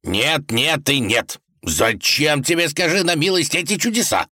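A man playing a stubborn, fussy old tsar who grumbles slowly and insistently. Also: fairly low pitch, big pitch swings, sharp tone, no room sound, clean studio sound, exaggerated voice. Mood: grumbling.

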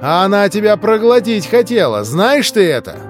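A man reading an audiobook voices a brash, overfamiliar young man who jeers and takes offence quickly. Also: high-pitched, sing-song, faint music behind, voice pushed up. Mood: jeering. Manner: loud, cocky, jeering.

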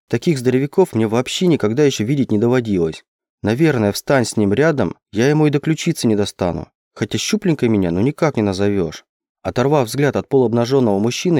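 A man narrating a first-person novel in an even, measured storytelling manner. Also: medium pitch, no room sound, studio quality. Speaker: audiobook reader.

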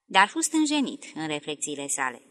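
A woman reads a classic novel aloud in a measured, expressive way. Her voice is fairly low yet bright in tone. Her intonation moves widely. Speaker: audiobook narrator. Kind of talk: literary audiobook narration.

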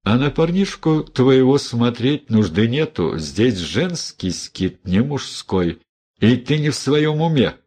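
A man's voice: mid-range voice, very animated, slow, a little mellow, husky, full character voice. A man voicing a severe, reproachful older abbess who preaches and questions sharply. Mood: stern rebuke. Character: stern older abbess of a women's convent.

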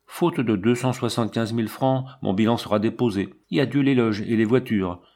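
A man's voice: mid-range voice, brisk, a little mellow, natural voice. A man voicing an anxious, blustering banker who speaks in a plaintive, exasperated way. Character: anxious, blustering middle-aged male banker.

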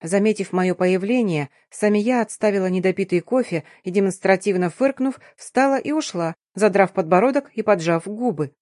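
A woman narrating a first-person audiobook in a steady, even storytelling read. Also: medium pitch, moderate pace, hardly any pauses, no echo, studio quality.

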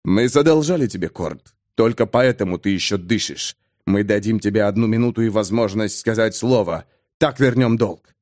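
A man voicing a calm young male warrior in an audiobook, measured and controlled, speaking in a formal, steady way. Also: lowish voice, dry recording, clean studio sound, lightly acted. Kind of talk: audiobook character voice.

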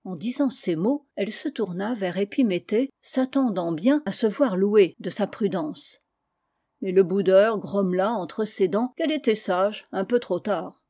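A woman reading a storybook aloud as an audiobook narrator, measured and expressive. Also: mid-range voice. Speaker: audiobook reader.

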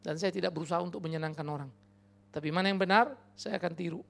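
Fiery gravelly preacher, man. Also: fairly high pitch, quick pace. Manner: impassioned, swings from quiet to loud exclamations; storytelling with mocking quoted voices. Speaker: pastor. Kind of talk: sermon.

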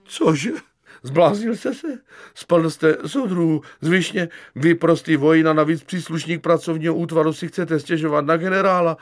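A man's voice: no room sound, clean studio sound, soft background music, natural voice. A man doing a fretful, whining lieutenant. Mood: alarmed. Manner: whining, pleading, flaring into shrill panic. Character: weary, fretful army lieutenant, middle-aged man.

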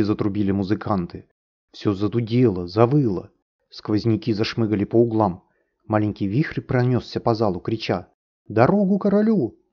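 A man narrating a fairy tale in a theatrical, vivid reading. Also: lowish voice. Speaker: audiobook narrator. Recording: dull lo-fi recording.

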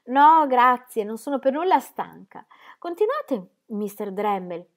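A woman reading aloud and voicing a bold, teasing aristocratic duchess in a high, lifted voice. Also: sing-song, measured pace. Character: flirtatious, laughing aristocratic duchess, middle-aged woman.

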